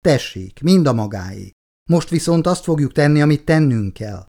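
A man voicing a stern, commanding man who speaks curtly and firmly, in a low voice. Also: animated, mellow.

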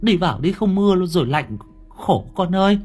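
Male narrator doing a worried old village mother, stammering and pleading, pitched high and husky, faint music under. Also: sing-song, normal speed. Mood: calling out. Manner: pleading, calling out, stammering repeats. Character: elderly village mother, frail and anxious.

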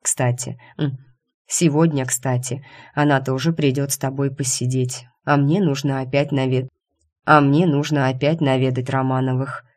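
A woman's voice: extremely low pitch, steady tone, normal speed, a little mellow. Storybook doctor husband, caring and insistent, read by a woman narrator. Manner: fussy and insistent about her health.

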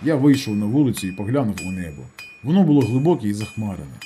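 A man reading a first-person novel aloud as an audiobook, calm and measured. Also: fairly low pitch, slight background noise. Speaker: audiobook narrator.

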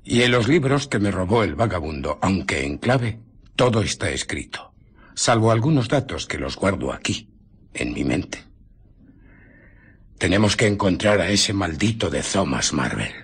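An obsessive, secretive scientist in a radio play, with an accent from Spain. His deep voice is heavily husky and breathy. He tells his tale with theatrical intensity and dramatic swings of intonation. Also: big pitch swings, normal speed, fairly bright tone, heavily acted. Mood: urgent, confiding. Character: obsessive, irritable male scientist, brooding and secretive. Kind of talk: Spanish radio drama acting.

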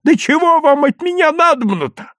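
A man's voice: very high voice, animated, moderate pace, a bit bright, no room sound, studio quality, voice pushed up. A man reading a story aloud, voicing a fussy old village grandmother who scolds and grumbles. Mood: grumbling. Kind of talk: audiobook reading.

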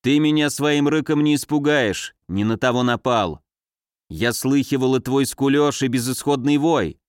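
A man's voice: mid-range voice, moderate pace, smooth, no echo, studio quality, close to an everyday voice. A man voicing a blunt, stubborn old blind man who talks back defiantly.

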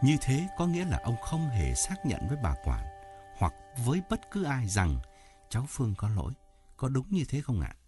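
A man voicing a stern teacher who speaks clearly and deliberately, as if lecturing a pupil. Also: medium pitch, wildly swooping pitch, warm tone, faint music behind. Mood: firm. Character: precise, stern male teacher acting as mediator.

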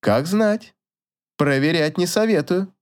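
A man's voice: on the high side, lively intonation, takes it slowly, clean tone. A man reading aloud and voicing a young woman who teases her husband in a bossy, mock-stern way. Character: teasing strict young woman, playful lover.

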